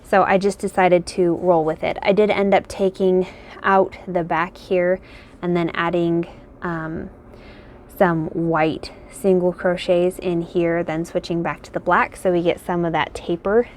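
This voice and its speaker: A woman's voice: fairly low pitch, flat delivery, measured pace, darkish tone, a little hiss or hum. A woman talking in a casual, rambling way, thinking aloud as she shows her crochet work. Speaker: crochet pattern designer. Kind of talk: casual chat. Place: home, indoors.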